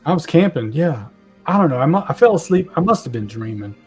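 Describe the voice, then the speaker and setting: Husky guy playing a tabletop game, chatty, faint music. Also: fairly high pitch, sing-song, fairly quick, a little mellow. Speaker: player. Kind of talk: tabletop role-play.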